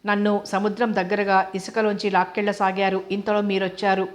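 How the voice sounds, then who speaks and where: A woman reads as a devout young college student, shaken after a scare. She speaks slowly and haltingly in a flat, even tone, like a character in a storybook novel. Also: medium pitch, lightly acted.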